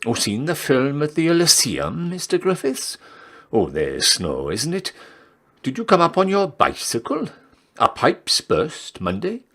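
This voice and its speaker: Casting: chatty Welsh barmaid for a story reading, acted by a man; high, swooping, lilting, forever asking questions. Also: wildly swooping pitch, a little slow, a bit bright, exaggerated voice. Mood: chatty, nosy. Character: chatty Welsh barmaid, nosy, gossipy woman.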